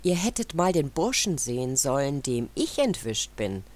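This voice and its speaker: A woman's voice: rumbling low, normal speed, heavily acted. A woman voicing a bragging male swordfish telling a tall tale. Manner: bragging, excited.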